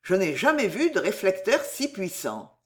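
A woman reading aloud, voicing a kindly, portly old gentleman who is fussy and exclamatory. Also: medium pitch, big pitch swings, moderate pace, close to an everyday voice. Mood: flustered.

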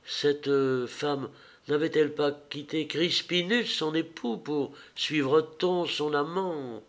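A devoted young Greek woman, timid and pleading, as a male audiobook reader gives her lines. She speaks slowly in a slightly high, tender voice. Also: a bit bright. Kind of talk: audiobook reading.

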